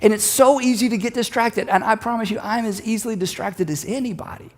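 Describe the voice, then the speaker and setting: A man's voice: high-pitched, a little fast, long reverb tail. A middle-aged man preaching a sermon, telling a personal story and building to emphatic calls for the congregation to repeat a line. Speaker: pastor.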